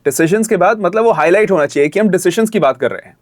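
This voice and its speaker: A voice-over coach with a slightly high voice gives direct, friendly critique. He switches into lively demonstration reads now and then. The sound is close and dry. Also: quick pace, no room sound. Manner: friendly, direct feedback, switches into energetic demo lines. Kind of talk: reviewing recordings, with demonstration reads.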